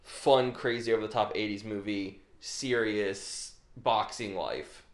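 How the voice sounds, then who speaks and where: A man's voice: lowish voice, steady tone, unhurried, roomy sound. A man co-hosting a casual film chat who rambles and restarts his sentences, staying upbeat. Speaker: podcast co-host.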